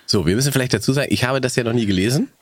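A man co-hosting a podcast, chatting playfully and reading poetry aloud slowly and deliberately. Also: mid-range voice, dry recording. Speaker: podcast co-host. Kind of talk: casual chat and poetry reading.

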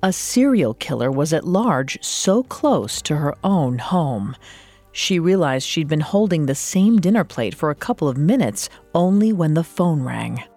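An American woman co-hosting a true crime podcast, narrating scripted material with deliberate, dramatic delivery. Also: deep voice, big pitch swings, dark tone, soft background music.

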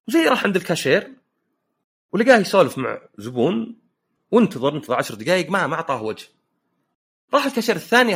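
Quick, lively man. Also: a little high, breathy edge. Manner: anecdotal, joking storyteller. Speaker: podcast host. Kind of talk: casual podcast chat.

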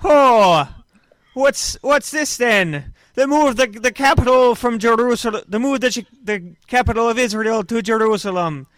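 A man putting on a loud, exclaiming stock Irish character in an improv bit. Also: extremely high pitch, measured pace, no echo, clean studio sound, voice pushed up. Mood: blustery.

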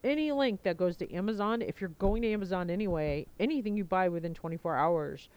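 Smooth-voiced woman rambling as podcast host. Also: on the low side, a little fast, a little mellow, no echo, lo-fi sound. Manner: rambling, informal, thinking aloud. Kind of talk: casual chat, informal podcast announcement. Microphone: headset, talking into headphones. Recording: poor sound quality, headphone mic.

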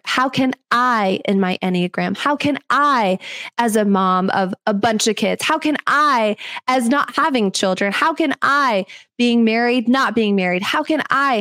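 A woman's voice: on the high side, fairly bright tone, no echo, clean studio sound. A woman hosting a solo podcast, talking earnestly and rhetorically, leaning hard on the words she stresses. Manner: earnest, rhetorical, with lots of emphasis. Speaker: podcast host. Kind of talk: reflective solo podcast talk.

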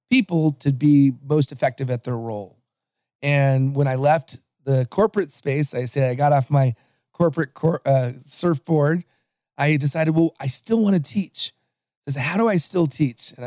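Recorded dry and at studio quality, a slightly high, slightly mellow male voice belongs to a man in his forties from Los Angeles, USA. He's a podcast guest in a conversational interview, sharing his career history in an upbeat way and restarting often.

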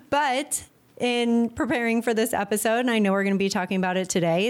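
Rambling, friendly woman podcast co-host. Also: medium pitch. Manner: warm-hearted, rambling, laughs often. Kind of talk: casual chat.

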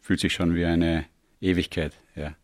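A man's voice: deep voice, level tone, normal speed. A man with an Austrian accent talking casually on a podcast, mixing in English jargon. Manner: drops English tech jargon into speech.

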